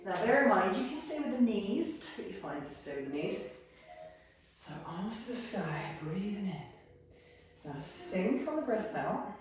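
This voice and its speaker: A woman's voice: mid-range voice, sing-song, measured pace, a little hiss or hum. Yoga teacher woman in an echoey room. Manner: encouraging, cueing moves on the breath with light laughs. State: a little out of breath at times. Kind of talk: guided yoga class instruction. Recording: very echoey room, mic from far off. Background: soft piano music.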